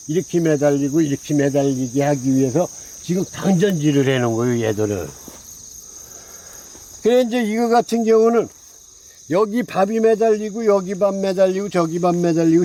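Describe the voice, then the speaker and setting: A man's voice: high-pitched, dark tone, poor audio. A man who grows pine trees, speaking, casually demonstrating pruning outdoors and repeating his phrases as he points at branches. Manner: repetitive, folksy explaining while pointing at branches. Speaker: pine tree grower.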